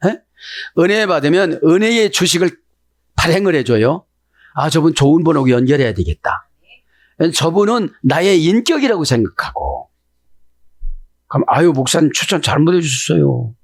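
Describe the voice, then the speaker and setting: A male pastor preaching a sermon that explains the Hebrew text, who keeps prodding his listeners with quick questions. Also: fairly high pitch, no room sound, clean studio sound.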